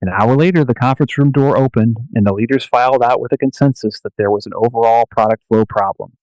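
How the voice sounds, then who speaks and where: A man reads scripted dramatic narration for a radio play in a medium-pitched, slightly mellow voice, telling the story in measured, portentous phrases. The recording is dry with no echo and is of low quality.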